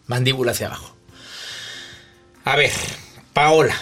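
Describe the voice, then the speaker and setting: A man hosting a talk show interview and asking questions in a lively, expressive way. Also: medium pitch, a little slow, faint music behind.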